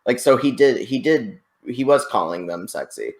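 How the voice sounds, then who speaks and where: A man's voice: mid-range voice, animated, moderate pace, gravelly. This is a man in a mid-range voice who hosts a casual debate over a voice call. He explains at length, hedging and circling back as he goes. His speech comes through a plain computer microphone. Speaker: show host. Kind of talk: casual online debate chat.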